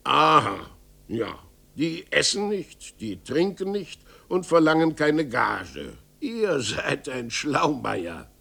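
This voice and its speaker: A man voicing a gruff, grumbling old male carpenter in a radio story reading. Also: on the high side, sing-song, takes it slowly, pushed and bright, heavily acted. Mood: teasing.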